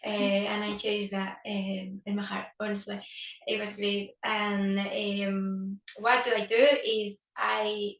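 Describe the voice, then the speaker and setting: A woman's voice: mid-range voice, flat delivery, slow, fairly bright tone. A woman guest, a life coach, talking enthusiastically in a casual interview and laughing often. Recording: roomy echo, mic at a distance.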